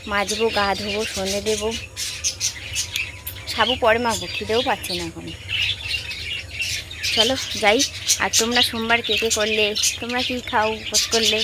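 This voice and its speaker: A woman's voice: mid-range voice, heavy background noise. A housewife vlogging from home, chatting casually and straight to her viewers while recording on a handheld phone. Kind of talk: casual vlog chat to viewers. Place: at home, indoors.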